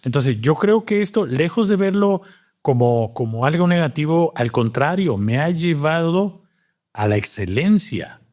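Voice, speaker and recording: A man's voice: a little high, animated, a little slow, a little mellow. A man from Cuba, a doctor and scientist, telling his story in a casual interview, thoughtful and full of restarts. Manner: reflective, with many fillers and restarts.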